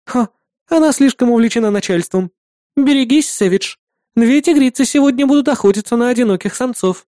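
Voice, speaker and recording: A man's voice: extremely high pitch, a little fast, mellow, no room sound, clean studio sound, pitched above the performer's own voice. A man voicing a coy, teasing young woman.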